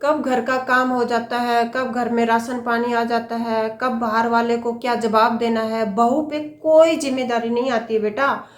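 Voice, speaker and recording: A woman's voice: a little high, flat delivery, unhurried, reverberant, close to an everyday voice. A woman playing a middle-aged mother who patiently lectures her daughter with homely advice. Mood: advising.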